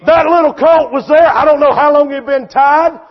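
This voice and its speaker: A man preaching a sermon, impassioned and often shouting, with a repetitive preaching cadence. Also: very high-pitched, normal speed, lo-fi sound.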